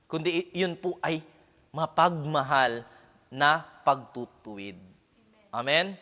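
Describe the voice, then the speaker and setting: A man's voice: fairly high pitch, slow, bright, forceful tone. A man preaching a sermon as pastor, often checking in with the congregation with a questioning "Amen?" or "No?" and slipping English words into his talk. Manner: punctuates phrases with questioning "Amen?" and "No?". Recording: long hall reverb.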